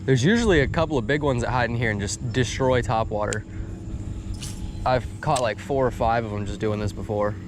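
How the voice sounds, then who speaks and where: Guy doing a fishing vlog, frat bro slang, gets hyped, normal pitch, noisy outside. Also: a little fast. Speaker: angler filming a fishing video. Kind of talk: casual fishing vlog chat. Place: outdoors by the water. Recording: outdoor recording with clear background noise.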